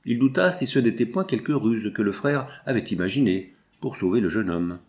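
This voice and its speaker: A man reading a classic novel aloud in a measured, formal manner. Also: fairly low pitch, lively intonation, darkish tone. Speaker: audiobook narrator.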